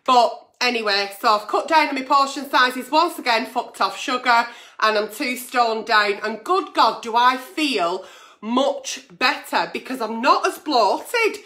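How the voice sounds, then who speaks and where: A woman's voice: on the high side, expressive, unhurried, bright, forceful tone. A woman hosting a chatty livestream, blunt and sweary, her diction slightly slack without her dentures in. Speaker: online agony aunt show host, pantomime performer. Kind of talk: chatty late-night livestream, reading out letters.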